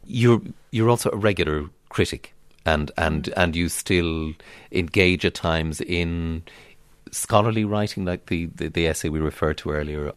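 A man hosting an arts interview, putting questions in a measured, conversational way. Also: sits low, smooth, no room sound. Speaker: radio interviewer, host.

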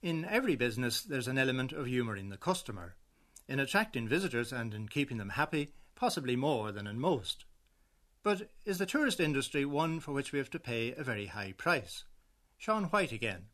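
A man's voice: medium pitch, big pitch swings, fairly quick, a bit bright. A man, putting questions as an interviewer for a broadcast documentary.

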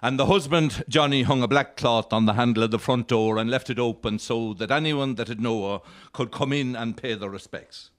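A man's voice: mid-range voice, no echo, studio quality. A man with an Irish accent telling a comic story as a live stage monologue, in a lilting, droll storyteller's manner. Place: live on stage at an arts centre.

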